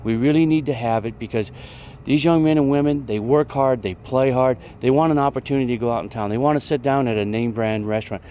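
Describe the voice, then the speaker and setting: A man's voice: mid-range voice, fast, warm tone, slight background noise. A man in a promotional interview, talking earnestly and persuasively.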